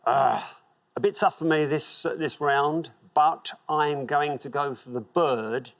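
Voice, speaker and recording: A man's voice: on the high side, takes it slowly. An older man chatting casually as a quiz show contestant. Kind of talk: casual chat.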